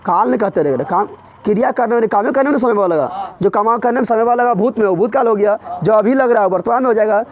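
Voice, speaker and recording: A man teaching a grammar revision lesson in a classroom, drilling his students with quick repeated questions. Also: high voice.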